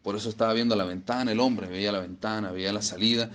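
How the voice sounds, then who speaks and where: A man's voice: lowish voice, steady tone, quick pace, a bit bright, a little hiss or hum. A man preaching a sermon, emphatic and repeating phrases for stress.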